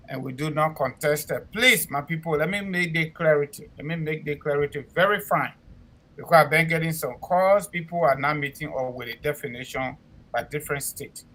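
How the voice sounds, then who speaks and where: Male co-host, West African accent, forceful high voice, emphatic promotional delivery with repetition. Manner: emphatic, repeats himself for clarity. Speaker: co-host and immigration consultant. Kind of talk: spoken promotional announcement on a talk show.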